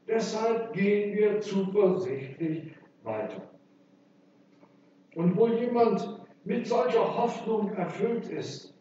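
A man preaching a sermon in an emphatic way, stressing his phrases slowly. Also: high voice, dark tone, a little hiss or hum. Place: church. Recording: echoey church from far off, dull sound.

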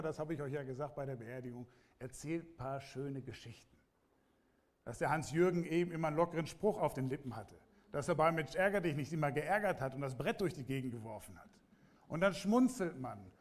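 Pastor preaching plainly to listeners. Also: male voice, on the high side. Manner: plain, conversational preaching, addressing listeners directly. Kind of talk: sermon.

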